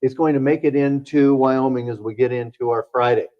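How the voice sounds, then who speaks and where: A man's voice: medium pitch, steady tone, a little fast, dull audio. A man working as a TV meteorologist, explaining the forecast in a folksy way with frequent fillers. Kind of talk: broadcast weather chat.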